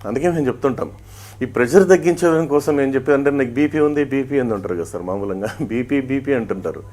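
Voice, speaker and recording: A man's voice: mid-range voice, fast. A middle-aged man with an Andhra Pradesh Telugu accent, a police head constable and mimicry artist, telling stories as an interview guest and weaving proverbs and rhymes into his answers. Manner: storytelling with proverbs and rhymes, animated shifts in voice.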